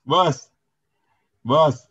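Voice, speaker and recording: A man's voice: a little high, drawn-out words, fairly bright tone, breathy edge, muffled recording. A man in a heated debate, insistent, repeatedly demanding to be heard.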